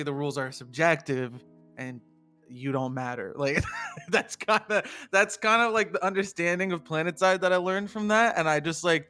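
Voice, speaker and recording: A man's voice: a little high, bright, forceful tone. A male stream host in casual gaming chat, laughing often and swearing offhandedly.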